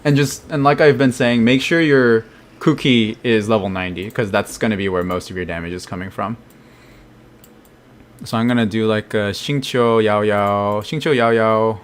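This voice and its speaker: A man's voice: on the low side, normal speed, a little hiss or hum. A man streaming a game, thinking aloud casually and answering chat questions. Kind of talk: live gameplay commentary.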